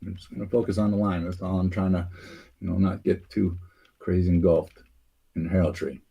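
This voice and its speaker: A man with a low, husky voice talks casually as host. He rambles, restarting sentences and filling pauses with "um" and "uh". His tone stays mellow and dark throughout. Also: steady tone, lo-fi sound. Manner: rambling, hesitant, many fillers and restarts. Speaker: podcast host. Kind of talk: casual conspiracy talk.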